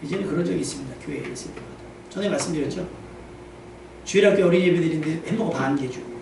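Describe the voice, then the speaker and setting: A man preaching a lively, humorous sermon as pastor, acting out little quoted scenes. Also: fairly high pitch, rapid-fire, vocal fry. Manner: animated, humorous, acts out quotes. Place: church sanctuary. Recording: very echoey church hall, distant mic, faint noise.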